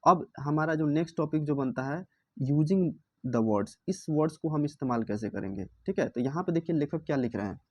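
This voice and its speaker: A man teaches a vocabulary lesson, reading English lines from a book slowly and explaining them, often repeating words and asking himself questions. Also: on the high side, a little mellow, no room sound. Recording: dull lo-fi dry recording.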